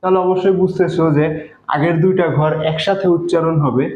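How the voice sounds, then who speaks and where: A man's voice: fairly high pitch, fairly even intonation, darkish tone. A man with a Bangladeshi Bengali accent teaching a math lesson step by step, patiently, with many fillers. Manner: patient, explains slowly with fillers. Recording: echoey room, dull lo-fi sound.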